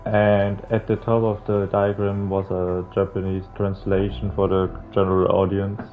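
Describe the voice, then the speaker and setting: Streaming a visual novel with a face cam and streamer mic, a young man speaks at normal speed in a low, monotone voice. He reads the game's lines aloud and drifts into sweary, slangy banter, all over narrow, phone-like audio with game music behind.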